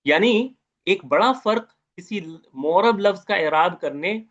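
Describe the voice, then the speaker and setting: A man with a fairly high voice teaches Arabic grammar in an online lecture. He drills each term over and over and keeps checking in with his students. The recording is dull and lo-fi. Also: lively intonation, unhurried, fairly bright tone. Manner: repetitive, drilling Arabic terms with questions to students.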